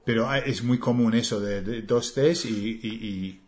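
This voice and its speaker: A man with an English accent speaking Spanish, co-hosting a relaxed language lesson, slow and hesitant with many fillers. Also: on the low side. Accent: English learner speaking Spanish. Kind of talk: casual conversational lesson.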